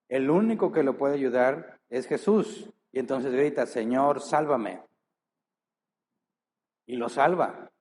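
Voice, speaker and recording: A man's voice: mid-range voice, darkish tone. A male pastor preaching a sermon, reading scripture aloud and then pressing the listeners with rhetorical questions, leaning into key words. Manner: earnest, drawn-out emphasis with many rhetorical questions.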